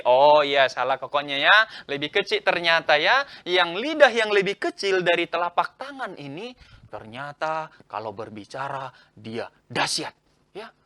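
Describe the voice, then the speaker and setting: High, bright young man teaching children. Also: no echo. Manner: animated, asks the children questions and answers for them. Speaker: Sunday school teacher. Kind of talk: lively children's Bible lesson.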